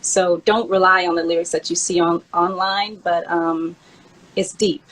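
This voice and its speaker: This woman's voice sits on the low side, with a steady, slightly bright tone and a measured pace, though the audio is poor. She's a host and memoir author counting down her favorite songs, reminiscing candidly in a casual, conversational chat.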